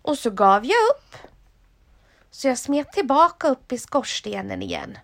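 A woman's voice: a little high, animated, creaky. Sotis, a chatty little soot monster, as a woman reads it. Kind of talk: storybook reading.

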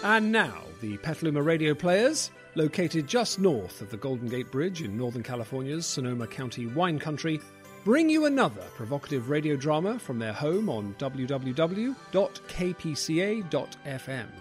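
A male announcer introduces a radio drama. His voice is slightly high and very animated, in a scripted, theatrical presenting style. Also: normal speed. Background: music.

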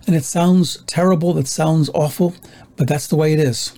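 A man preaching a sermon, teaching in a measured, earnest way and quoting scripture as he goes. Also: fairly high pitch, steady tone, dark tone.

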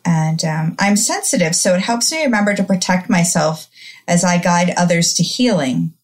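Earnest Midwestern woman, lower voice. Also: expressive, moderate pace. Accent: Midwestern American. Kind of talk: casual wellness chat.

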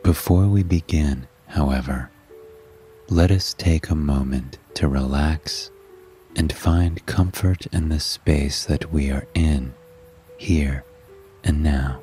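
An extremely deep-voiced man works as a sleep story narrator, guiding listeners with a calm, hushed delivery. He speaks at a very slow, lingering pace, soothing throughout. Music plays behind his voice.

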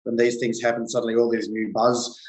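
Australian man, chatty and expressive, interview guest, roomy echoey sound. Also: medium pitch, a little fast. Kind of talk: casual interview.

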